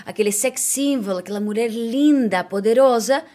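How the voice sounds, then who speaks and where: A woman's voice: a little high, normal speed, mellow. A woman hosting a podcast, probing her guest with clarifying questions. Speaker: podcast host. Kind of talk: interviewing.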